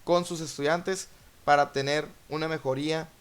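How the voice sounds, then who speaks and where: A young man talks through an educational podcast episode. His voice sits a little high for a man. He explains in a steady, lecturing way and pauses on filler sounds as he goes. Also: clean tone. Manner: measured, lecturing with frequent fillers. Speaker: podcast host, Spanish teacher.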